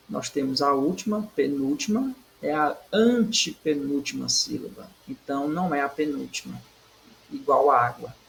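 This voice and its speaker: Going through exam questions, this Portuguese teacher punches out stressed syllables by making them louder and keeps asking "certo?" in a didactic manner. He has a gravelly, mid-range voice, captured in a rough recording with slight background noise.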